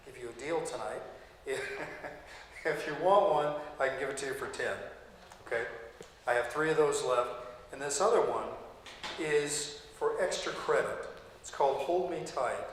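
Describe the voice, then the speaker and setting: A man's voice: medium pitch, fairly bright tone, slight background noise. Man lecturing in a very echoey classroom. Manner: conversational, frequent "okay?" check-ins. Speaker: Bible college instructor. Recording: echoey classroom with long reverb.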